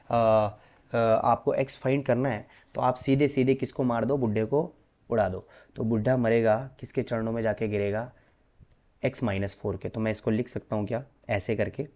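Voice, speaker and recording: A man's voice: medium pitch, lo-fi sound. A man teaching a maths lesson in a chatty, coaxing way, often addressing students as brother.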